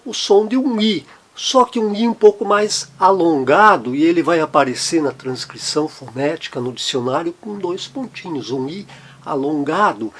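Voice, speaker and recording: Slow, patient male language teacher. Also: sits high. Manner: drawn-out, repeating each example word slowly. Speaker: German teacher. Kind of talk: slow explanatory lesson.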